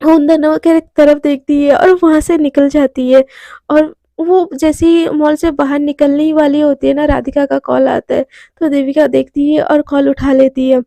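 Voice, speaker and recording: A woman's voice: sits high, level tone, moderate pace, vocal fry, mellow, no echo. A young woman casually narrating a romance story, chatty and addressing listeners.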